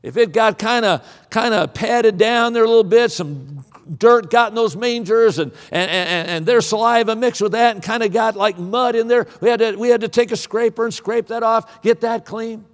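A man delivers a sermon in a high-pitched voice that rings through a large reverberant hall. His delivery is emphatic and folksy, leaning on repetition and plainspoken storytelling. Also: moderate pace, hardly any pauses. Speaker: preacher. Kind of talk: sermon with dramatic pauses and repetition.

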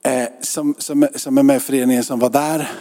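In a church's large hall, a pastor with a mid-range, mellow voice and flat delivery preaches a sermon conversationally. He keeps asking his listeners whether they follow him, using rhetorical questions as he goes.

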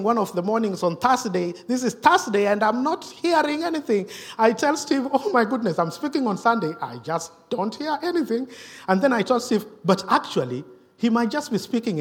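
A male preacher with a high voice and a husky edge delivers a sermon in a church. He swings between raised, emphatic lines and a hushed whisper, often repeating himself as he goes. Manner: dramatic drops to a hushed whisper; repeats himself, self-correcting restarts.

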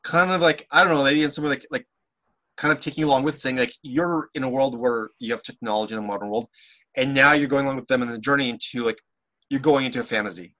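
A man's voice: mid-range voice, fairly even intonation, fast, bright, forceful tone. A man in casual podcast chat, talking hesitantly with many restarts.

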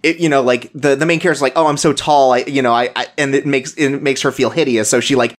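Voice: medium pitch, fairly even intonation, fast talker. A podcast co-host chatting casually about anime, rambling with lots of filler words and frequent laughter. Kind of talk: casual chat.

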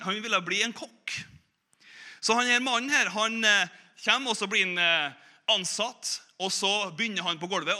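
A man preaching in a church, telling a story in a lively, chatty way and asking the audience questions. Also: sits high. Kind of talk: storytelling sermon.

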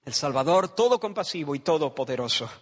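A man's voice: fairly high pitch, big pitch swings, fairly quick, husky. A man from preaching a sermon, dramatic and emphatic, repeating phrases and acting out voices from the story.

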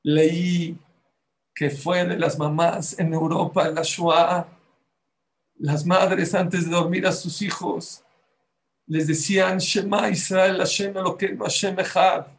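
A man's voice: sits high, little pitch movement, slow, vocal fry. A man preaching a fervent sermon to a group of women, rising to emphatic peaks.

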